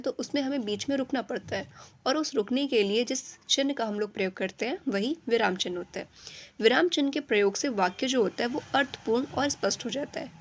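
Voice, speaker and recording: A woman teaching a grammar lesson, explaining each term and then repeating it in simpler words. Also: a little high.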